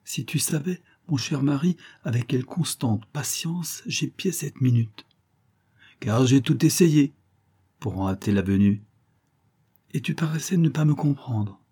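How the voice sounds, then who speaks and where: A man reading the lines of a tender young wife who is gently reproachful, in a soft, pleading way. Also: medium pitch, animated, measured pace, slightly rough, pitched above the performer's own voice.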